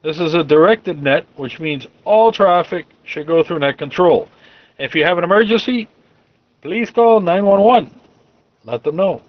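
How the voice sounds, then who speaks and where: Man, fairly high voice, running a ham radio net over a dull, dry radio link; loose, joking net control. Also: expressive, a little slow, no room sound. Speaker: net control operator of an amateur radio club net. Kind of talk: directed ham radio net, casual chat.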